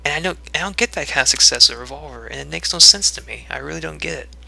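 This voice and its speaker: Gravelly young man rambling over gameplay. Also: on the high side, fast, pushed and bright. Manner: rambling, many ums and restarts. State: a little out of breath. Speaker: video creator giving commentary. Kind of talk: casual gameplay commentary.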